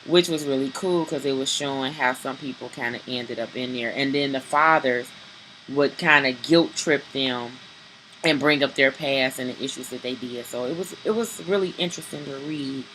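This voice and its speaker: Woman with an extremely deep voice, casual comic review, hesitant, lots of fillers, faint hiss behind. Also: moderate pace, fairly bright tone, rough recording. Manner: rambling, hesitant, many fillers and restarts.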